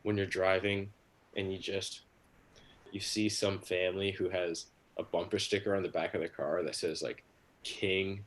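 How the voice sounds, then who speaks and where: A man's voice: sits low, flat delivery, normal speed, a bit bright. A man from Jamaica doing a stand-up set from his home for a livestream, rambling with lots of "like" and "um" and crude jokes. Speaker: stand-up comedian.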